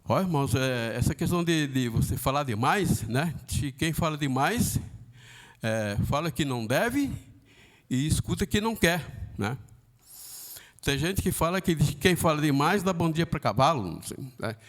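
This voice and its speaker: A man with a Brazilian Portuguese accent teaching a church Bible lesson, talking haltingly with many fillers and tag questions, and acting out the voices he quotes. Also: a little high, lively intonation. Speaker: Sunday school teacher.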